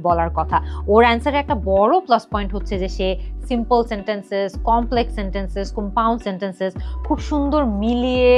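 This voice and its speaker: A woman working as a language-test instructor, patiently explaining a candidate's answers and quoting phrases to correct them. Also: medium pitch. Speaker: IELTS instructor and mock examiner. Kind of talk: teaching feedback, switching between two languages.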